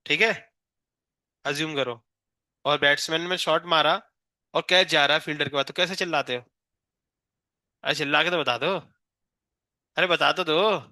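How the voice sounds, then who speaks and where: A man's voice: fairly high pitch, bright, forceful tone, no echo, clean studio sound. A male physics teacher in a live class, teasing and coaxing a shy student to answer, counting aloud to three.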